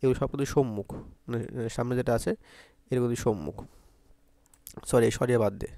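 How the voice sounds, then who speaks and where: A man's voice: medium pitch, fast talker, warm tone, dry recording. A man with a Bangladeshi Bengali accent teaching an exam-prep grammar lesson, repeating points and asking pupils to say sounds aloud.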